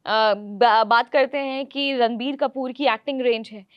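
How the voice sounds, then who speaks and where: High-voiced opinionated woman co-host. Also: steady tone, measured pace, clean tone, no room sound, lo-fi sound. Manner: opinionated, frequent fillers and laughs. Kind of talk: casual chat.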